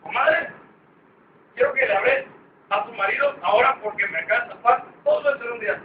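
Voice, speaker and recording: Guy putting on a mad compadre yelling for payback, high strained voice, sounds like a tinny echoey phone clip. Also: brisk. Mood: angry, demanding. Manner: loud, insistent, repeats "compadre". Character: angry cheated man demanding payback, shouting. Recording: tinny, echoey, distant with faint hiss.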